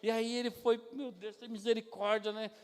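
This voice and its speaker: A man's voice: extremely high pitch, moderate pace, clear, resonant tone. A man with a Brazilian Portuguese accent, preaching a storytelling sermon in a church and then leading a prayer. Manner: lively storyteller who acts out voices. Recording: long reverb of a church hall.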